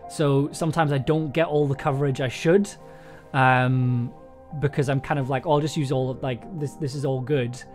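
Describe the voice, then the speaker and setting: Speaking at a normal speed in a mid-range, slightly mellow voice with fairly even intonation, this young livestream host and audio drama creator talks casually in a small home room. His speech wanders, hesitant and self-interrupting, while faint music plays in the background.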